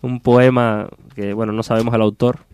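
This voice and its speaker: A man's voice: mid-range voice, moderate pace, smooth, no room sound. Man reciting poetry, dry studio sound. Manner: relaxed, hesitant spoken introductions. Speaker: radio guest reciting poetry. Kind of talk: poetry reading on radio.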